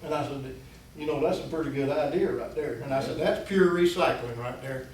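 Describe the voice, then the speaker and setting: A man's voice: medium pitch, brisk. A man telling a long folksy story in a rambling way, acting out the voices of the people in it. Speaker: guest storyteller. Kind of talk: casual storytelling. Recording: very echoey room, distant mic, faint hiss.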